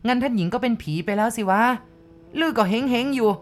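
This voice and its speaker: A woman's voice: fairly high pitch, racing, faint music behind, pitched above the performer's own voice, lightly acted. A woman putting on a grumbling shopkeeper man in broken Thai. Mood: accusing. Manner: broken Thai, quarrelsome, blaming. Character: grumbling middle-aged male shopkeeper, bossy.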